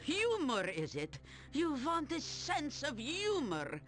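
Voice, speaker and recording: A woman's voice: high-pitched, huge pitch swings, a bit bright, heavily acted. An actress playing a gleeful, menacing old witch in a fantasy game, drawing out her words with mock sweetness. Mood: grudging, smug. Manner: theatrical, drawn-out, mock-sweet cackling delivery. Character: gleeful menacing old witch Baba Yaga, man-eating. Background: game music.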